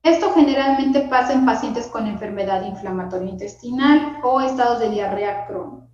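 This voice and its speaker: A woman's voice: fairly high pitch, normal speed, darkish tone. A woman giving a medical class lecture, explaining step by step with frequent fillers and asides to her students. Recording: lo-fi echoey room recording.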